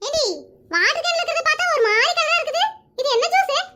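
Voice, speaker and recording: Woman playing a shrill wailing mother-in-law. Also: lively intonation, fast talker, heavy background noise. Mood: suspicious. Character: fussy older mother-in-law, suspicious and dramatic. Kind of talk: comedy skit.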